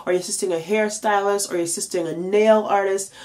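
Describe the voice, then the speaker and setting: This makeup and nail artist, sounding congested and tired, talks fast in a casual vlog, giving chatty career advice straight to camera. Her voice is mid-range and a little mellow with fairly even intonation, and she leans on frequent fillers and emphatic rhetorical questions.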